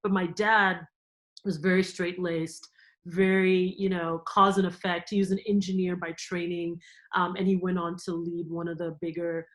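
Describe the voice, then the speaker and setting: A woman from Cameroon, a guest in an interview, telling stories in a lively, animated way and laughing often. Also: lowish voice, moderate pace, rough recording. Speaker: guest, theme park company executive. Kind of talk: conversational interview.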